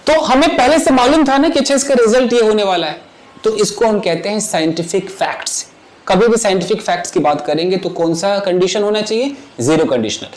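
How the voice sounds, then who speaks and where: In his home kitchen, a man with a high voice teaches a Hindi-English grammar lesson with live demonstrations, speaking a little fast. He's chatty and keeps checking that viewers understand. The audio quality is poor.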